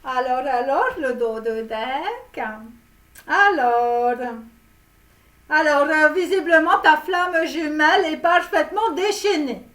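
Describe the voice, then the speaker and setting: A woman's voice: high voice, pushed and bright, heavily acted. Woman putting on a pushy Romanian guru coach. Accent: put-on Romanian. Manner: rambling, theatrical, self-promoting. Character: brash female Romanian-American guru coach, pushy and self-important. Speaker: tarot reader and love coach. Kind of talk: comic tarot reading parody. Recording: roomy, distant mic.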